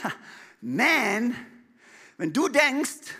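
A male pastor delivering a sermon in a very high, bright, forceful voice. He preaches with emphasis and piles up repeated refrains that swell in volume. He drops in playful asides and laughter between points. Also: very animated, extremely slow, husky.

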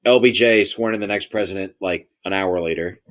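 Guy with a kinda low voice debating casually on a podcast, really pushing his point. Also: fairly quick, fairly bright tone. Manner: emphatic, argumentative, repeats phrases for emphasis. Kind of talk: casual debate, explaining a theory.

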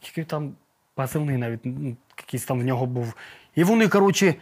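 A man's voice: mid-range voice, expressive, a little fast, darkish tone, husky. A man telling a story to a podcast host in a casual, slangy way, acting out sounds and swearing now and then. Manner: vivid, slangy retelling with sound effects and swearing. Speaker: podcast guest.

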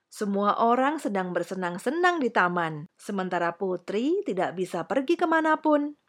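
A woman reading a children's storybook aloud in an expressive, sing-song way. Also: mid-range voice, moderate pace. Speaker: storybook reader. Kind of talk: scripted children's story narration.

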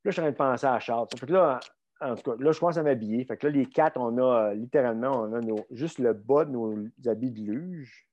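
A man with a Québécois French accent telling a story casually as a guest, animated and full of filler words. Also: mid-range voice, fairly quick, lo-fi sound. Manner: animated, fills talk with "là" and mild swearing.

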